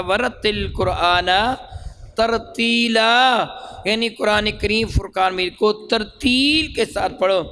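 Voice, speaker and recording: A man teaching Quran reading in a lesson, stretching sounds out slowly as he demonstrates them and quizzing his listeners. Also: high voice, fairly bright tone, slight background noise, low-quality recording.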